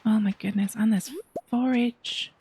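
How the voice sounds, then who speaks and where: A woman hosting a let's play, chatting casually through her game and sometimes dropping into soft whispered asides. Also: on the high side, fairly even intonation, unhurried, slight background noise.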